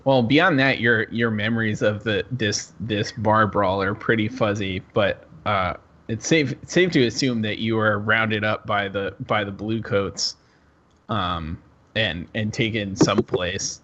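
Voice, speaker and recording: A man's voice: lowish voice, unhurried, fairly bright tone, lo-fi sound, a little hiss or hum. A man running a tabletop game as game master, describing scenes in a loose, easygoing way.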